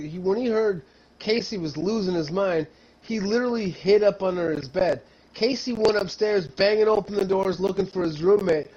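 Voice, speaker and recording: A man in his fifties with a notably high voice talks in a blunt, profane way, like someone ranting to a friend. He is emphatic and slangy, swearing often. The recording is dull and lo-fi. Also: darkish tone, slight background noise. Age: 50s. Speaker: storyteller. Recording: dull lo-fi sound.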